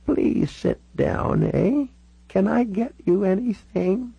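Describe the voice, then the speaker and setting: A man voicing a frail, confused 96-year-old Canadian woman in an audiobook, speaking in a slow, wandering, quavering way. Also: sits high, lively intonation, creaky, warm tone, husky, no room sound, highs cut off, voice pushed up, exaggerated voice. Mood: confused, gentle. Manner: drawn-out, wandering speech. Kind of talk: audiobook character voice.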